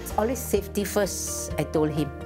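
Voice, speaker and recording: A woman's voice: on the low side, normal speed. A woman, the athlete's mother, talking in an earnest, caring way in an interview. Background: music.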